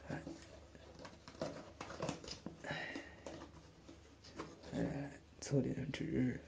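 A man voicing a gentle, doting older brother who comforts and teases softly in a whispered role-play. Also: mid-range voice, creaky, dull audio, background noise. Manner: soft, soothing, coaxing, lightly teasing. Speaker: older brother tending a sister's wound.

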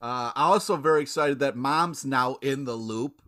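A man's voice: medium pitch, moderate pace, fairly bright tone. A man on a casual panel chat, playfully indignant and mock-pleading. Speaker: podcast panelist.

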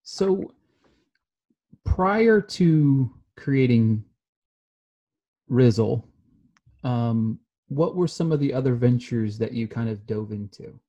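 A man's voice: medium pitch, expressive, slow pace, long pauses, warm tone, lo-fi sound. A man hosting a podcast, talking in a friendly, rambling way as he interviews a guest. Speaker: podcast host. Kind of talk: casual interview chat.

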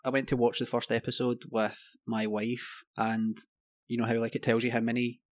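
A man's voice: mid-range voice, flat delivery, normal speed, dry recording. Teasing young Scottish man, dry mic. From Scotland. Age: young adult. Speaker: podcast co-host. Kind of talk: casual chat.

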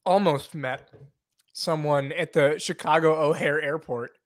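A young podcast co-host with a cough trades loose, laughing banter full of swearing in a casual chat. His voice sits a little high and a little slow, recorded close and dry with no echo.

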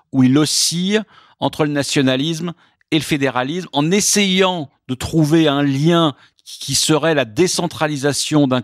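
A man, a guest author in a radio interview, explaining at length in a measured way with frequent hesitations and repeated words. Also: medium pitch, dry recording, clean studio sound.

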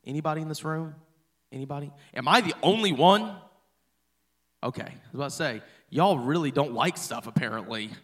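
A man in his thirties preaching in a loose, chatty way, joking with the congregation as he tells a story. His voice sits a little high for a man. He sounds like a pastor in a church. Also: lively intonation, a little fast, a bit bright. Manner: chatty and playful, talks to the congregation. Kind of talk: sermon storytelling. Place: church hall.

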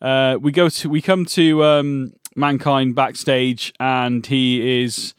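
A man's voice: medium pitch, steady tone, slow pace, smooth, no room sound, clean studio sound. A man co-hosting a podcast in casual chat, hesitant and full of fillers. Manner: hesitant, filler-heavy, laughs often. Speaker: podcast co-host.

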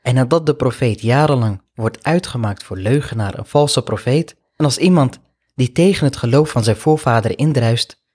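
A man's voice: medium pitch, normal speed, darkish tone. A man telling a religious story as a sermon, earnest and reflective, often adding Arabic honorifics. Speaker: Islamic preacher.

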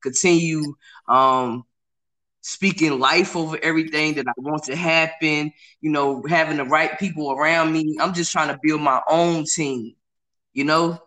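A man's voice: on the high side, steady tone, unhurried, bright, forceful tone. A man in his late thirties, a podcast host speaking in an earnest, plain-spoken, motivational way. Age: 30s. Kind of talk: casual interview chat.

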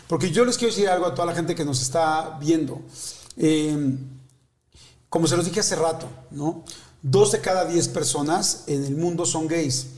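Higher-voiced man hosting in an echoey room. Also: normal speed, darkish tone. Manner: earnest address to the audience. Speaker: host. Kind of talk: interview hosting.

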